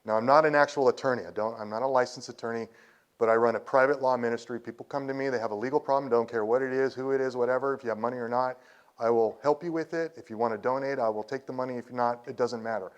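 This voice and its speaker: A man's voice: medium pitch, steady tone, fast, dull audio. A man in his fifties giving a conference talk, telling a personal story in a rambling way with restarts, and emotional at times. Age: 50s. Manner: rambling, with restarts and quoted dialogue. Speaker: conference speaker. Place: presentation hall.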